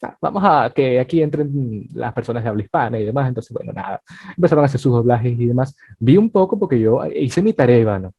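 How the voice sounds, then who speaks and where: A man hosting a casual podcast interview who talks in a loose, conversational way, full of fillers and lively asides. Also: mid-range voice, fast talker, husky, no echo. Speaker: podcast host. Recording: dull, dry, slightly lo-fi.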